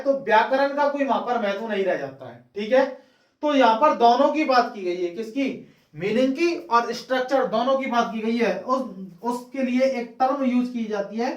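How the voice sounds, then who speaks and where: A man's voice: extremely high pitch, muffled recording. A man teaching a class, who asks his own question and then repeats the key word as the answer. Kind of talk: classroom lecture. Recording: echoey room, distant mic.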